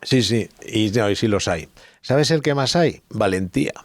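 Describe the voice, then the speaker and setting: A man's voice: medium pitch, lively intonation, measured pace, no echo. A middle-aged man, a guest expert who explains at length, telling anecdotes and thinking aloud in a casual podcast chat.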